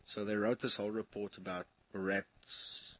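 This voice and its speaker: A man co-hosting with casual, joking banter, his voice rough and forceful. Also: on the low side, flat delivery, measured pace. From South Africa. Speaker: co-host. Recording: dull lo-fi audio.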